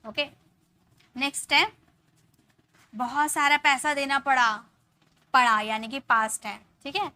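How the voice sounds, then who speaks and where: A young Indian woman teaching a live spoken-English class, explaining in Hindi and slowly spelling out English example sentences. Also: high voice, steady tone, pushed and bright, no echo.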